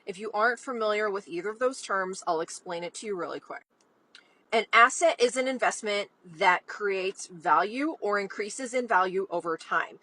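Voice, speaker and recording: A woman with a bright, crisp-edged voice at an average pitch delivers an advice monologue. She sounds confident and measured as she explains each point. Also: poor audio.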